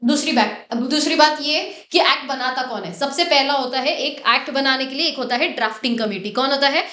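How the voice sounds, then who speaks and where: A young woman with an Indian accent and a high voice explains a lesson with energy and emphasis. She repeats key points to drive them home. Her voice rings a little in an echoey room. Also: brisk, pushed and bright. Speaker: teacher.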